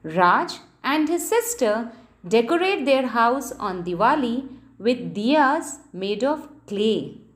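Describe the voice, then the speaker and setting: A high-voiced woman leads a children's lesson. She reads slowly, her pitch rising and falling in a lively sing-song way. She speaks clearly, as if for young pupils. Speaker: teacher.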